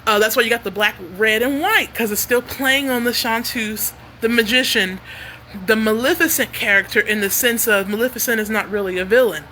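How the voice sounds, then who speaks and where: A woman singer-songwriter chatting casually with her livestream viewers, animated and quirky, laughing often. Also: a little high, a little fast, a little hiss or hum. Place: home near a noisy freeway.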